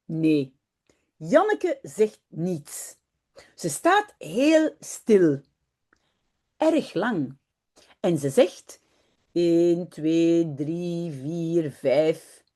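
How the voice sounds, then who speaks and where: A slow, deliberate woman teacher. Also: fairly low pitch, expressive, warm tone. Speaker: language teacher. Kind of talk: slow story reading, then teaching and explaining.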